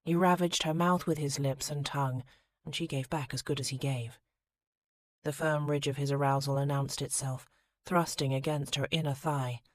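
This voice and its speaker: A woman narrating a historical romance audiobook in a measured, expressive reading. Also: very deep voice.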